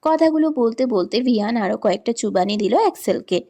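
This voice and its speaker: Female narrator for a romance audiobook, slightly high voice, steady delivery. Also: fairly quick. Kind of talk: scripted storybook narration.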